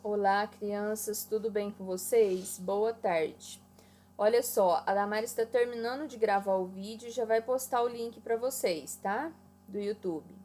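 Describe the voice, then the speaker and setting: A woman teacher leads a class for children at a deliberately slow pace. She explains each exercise patiently and keeps checking that the kids follow. A faint hum sits under the recording. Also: medium pitch, dark tone. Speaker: primary school teacher.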